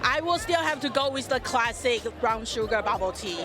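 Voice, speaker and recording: A woman from Taiwan with a Taiwanese accent, speaking earnestly as a tourism guest and filling pauses with frequent uhs. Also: on the high side, expressive, crowd noise. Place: busy travel expo hall. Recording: noisy expo floor with music.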